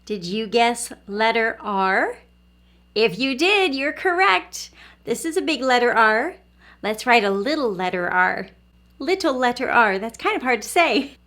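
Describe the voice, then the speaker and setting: Her voice is on the high side, sing-song and fairly bright, as she hosts a children's lesson and reads a storybook aloud. Speaking in simple, encouraging words, she poses questions to the little ones watching and waits for them to respond.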